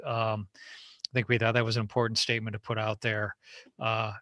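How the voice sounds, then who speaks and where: A man giving an informal status report on a conference call, halting and repeating his words. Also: lowish voice, level tone, pushed and bright, dry recording, lo-fi sound. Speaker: department head reporting.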